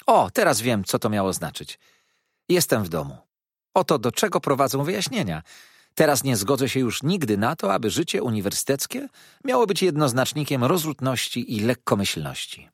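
Lektor czyta jako kąśliwa młoda dama, zjadliwe pytania, żywa melodia, suchy dźwięk. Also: male voice, medium pitch, big pitch swings, moderate pace, husky, no echo, studio quality, pitched above the performer's own voice. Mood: mock-innocent. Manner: arch, mock-naive questioning. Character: sly sarcastic young woman, feigning innocence.

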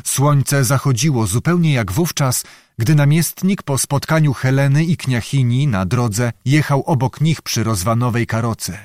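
A man narrating a historical novel as an audiobook, in a measured, dramatic storytelling manner. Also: mid-range voice, no echo, studio quality.

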